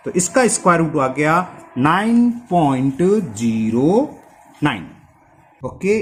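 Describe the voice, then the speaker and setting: Lively man teaching maths. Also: fairly high pitch. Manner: talks through sums aloud, checks himself, asks "clear?". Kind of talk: step-by-step maths tutorial.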